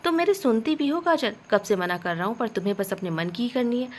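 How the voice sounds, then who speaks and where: A woman's voice: fairly high pitch, expressive, fast. A woman voicing a hot-tempered, protective young man who scolds and insists, in a spoken story. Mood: insistent.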